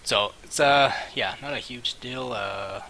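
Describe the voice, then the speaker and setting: A man giving casual, rambling and halting commentary on a game stream, with mouse clicking behind him. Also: mid-range voice, sharp tone. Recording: hissy mic, faint background noise.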